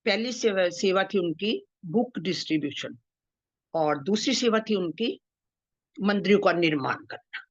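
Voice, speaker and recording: A woman giving a devotional talk, retelling stories earnestly with gentle emphasis and quoted dialogue. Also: mid-range voice, lively intonation, measured pace, dry recording. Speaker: devotional speaker. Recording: dull dry lo-fi sound.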